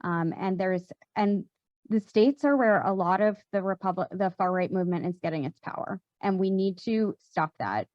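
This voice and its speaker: A woman's voice: mid-range voice, moderate pace, dry recording, lo-fi sound. A woman answering on a panel discussion, talking conversationally with many fillers and restarts. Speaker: panelist, gun safety volunteer. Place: event hall.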